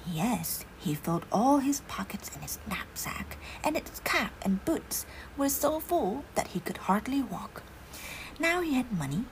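A woman narrating a fairy tale in a hushed, unhurried whispered role-play. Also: on the high side, very animated, a little hiss or hum, rough recording. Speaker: storyteller.

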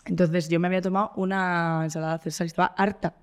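Woman, Spanish accent, podcast guest, blunt, animated, very fast. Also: lowish voice. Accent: Spain. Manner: animated, blunt storytelling with swearing. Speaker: guest singer and activist. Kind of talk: casual podcast interview.

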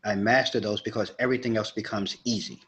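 Low-voiced earnest man from New York. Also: fairly even intonation, quick pace, fairly bright tone, low-quality recording. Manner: earnest, reflective, builds points through repetition. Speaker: podcast co-host. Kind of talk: casual podcast conversation.

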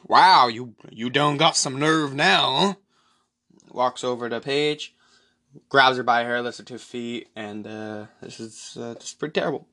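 A man hosting a solo podcast, retelling a movie's plot in a rambling, profane way full of fillers and throat clearing. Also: medium pitch, fairly bright tone. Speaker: podcast host.

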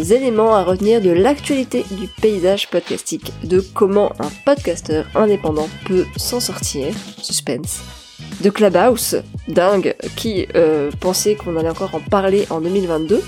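A woman hosting a podcast interview, chatty and quick to laugh, with many fillers. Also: lowish voice, mellow. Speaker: podcast host.

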